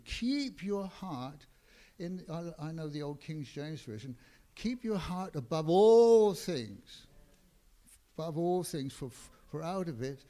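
A man preaching a sermon as pastor in a church, with a deliberate delivery that swells and drops in loudness for emphasis. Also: a little high.

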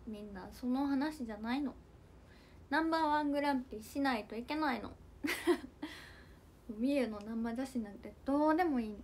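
Bubbly high-voiced young woman. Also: moderate pace, long pauses, darkish tone, a little hiss or hum. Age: young adult. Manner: bubbly, giggly, chatty, reacting to comments. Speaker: idol livestream host. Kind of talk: casual livestream chat reading comments.

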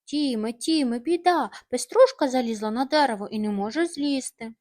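A woman voicing a small excited boy calf in a bedtime storybook, urgent and breathless. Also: on the high side, moderate pace, close to an everyday voice.

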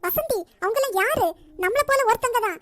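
A stern old matriarch from a cartoon, voiced by a woman, who scolds and commands in a Nagercoil Tamil accent. Her voice sits extremely high and the words come out fast. It sounds dry and close. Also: expressive, a bit bright, dry recording. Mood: scolding. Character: stern elderly matriarch of the household. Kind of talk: cartoon voice acting.

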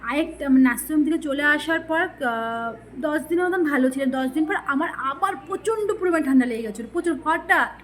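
Chatty fast-talking woman. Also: sits high. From West Bengal, India. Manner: rambling, chatty, many fillers and restarts. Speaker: lifestyle vlogger. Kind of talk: casual talk to viewers.

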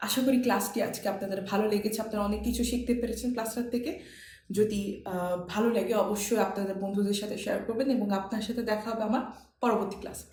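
A woman's voice: mid-range voice, fairly even intonation, fast, darkish tone. A woman teaching a language class in a casual way, patiently repeating sounds while she writes letters out. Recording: echoey room with faint noise.

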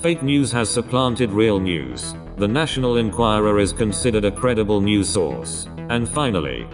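A man playing a deadpan male newsreader robot. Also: lowish voice, normal speed, music in the background, lightly acted.

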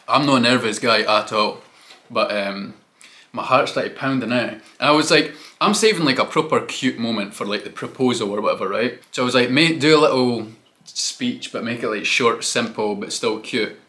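A chatty young man talks loosely to camera and drops slang as he goes. His voice has a bright, forward edge and sits at an ordinary middle pitch. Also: normal speed. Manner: chatty, loose, uses slang like mate and innit. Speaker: vlogger. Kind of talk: casual chat.

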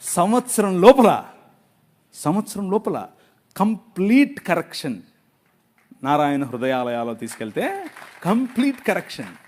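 A middle-aged male pastor preaching an impassioned sermon, swinging between loud outbursts and hushed asides. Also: medium pitch.

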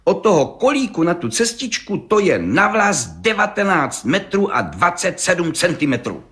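A man voicing an excitable, boastful middle-aged village gendarme who tells his tale in an eager, rambling rush. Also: sits high, voice pushed up, full character voice. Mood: excited. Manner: rambling, eager, breathless storytelling. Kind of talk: audiobook reading.

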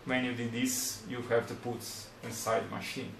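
Poor audio with a roomy sound and slight background noise captures a young Brazilian man in his twenties doing a casual how-to demonstration at a desk in a small room. Speaking English as a second language with a Brazilian Portuguese accent, this hobbyist is plain and unhurried and searches for words, his medium-pitched voice flat and gravelly.

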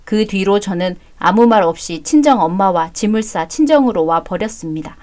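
A woman narrating a story and voicing the heroine with calm, firm, cool retorts. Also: medium pitch, moderate pace. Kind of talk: scripted story narration with dialogue.

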